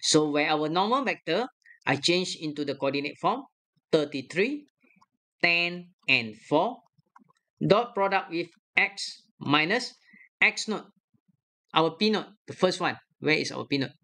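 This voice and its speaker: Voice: mid-range voice, expressive, unhurried, bright, forceful tone. A math lecturer talking through a worked problem step by step on a screen recording, checking each sum aloud. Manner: works aloud step by step, checking their own sums.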